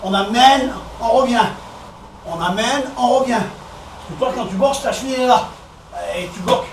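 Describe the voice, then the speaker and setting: A man with a French accent coaching a boxing session, counting out combinations and calling out punches in short, brisk commands. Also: very high voice. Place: echoey boxing gym. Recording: echoey gym, distant camera, background noise.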